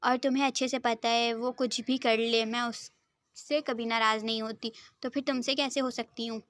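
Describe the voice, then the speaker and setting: Forgiving mother, a woman doing the voice, soothing, reassuring, slightly high, close and dry. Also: little pitch movement, normal speed, a bit bright, dry recording, natural voice. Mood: soothing, teasing. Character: doting, forgiving middle-aged mother.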